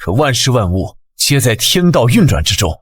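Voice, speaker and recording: A man voicing a respectful young disciple in an animated comic, deferential and questioning. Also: mid-range voice, normal speed, breathy edge, dry recording. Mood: earnest. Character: respectful male disciple, earnest.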